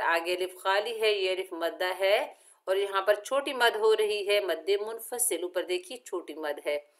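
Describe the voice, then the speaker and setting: A woman teaches Quran recitation one letter at a time, in a slow and methodical lesson. She breaks each word into its letters and vowel marks, then chants the whole word long and drawn out. Her pace stays deliberate throughout. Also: medium pitch. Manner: patient, methodical instruction.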